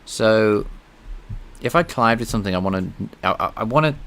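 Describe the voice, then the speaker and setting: Speaking briskly with lively intonation, a man with a low, somewhat bright voice streams his coding session. He thinks aloud as he works and chats casually with viewers, English being his first language.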